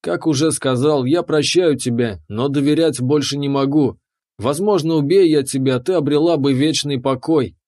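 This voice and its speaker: A man's voice: a little high, moderate pace, darkish tone. Man narrating a fantasy audiobook.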